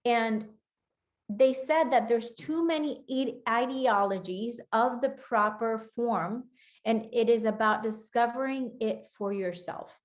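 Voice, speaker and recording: Earnest woman with a Spanish accent. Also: on the high side. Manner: earnest, flowing, often slowing to stress words. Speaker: spiritual teacher. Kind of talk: channeled spiritual talk.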